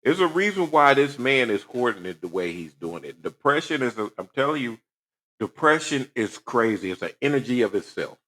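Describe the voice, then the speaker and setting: A man's voice: medium pitch, big pitch swings, normal speed, a bit bright. A man hosting reaction commentary on a news clip, talking in a preachy way and firing rhetorical questions. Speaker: commentary host.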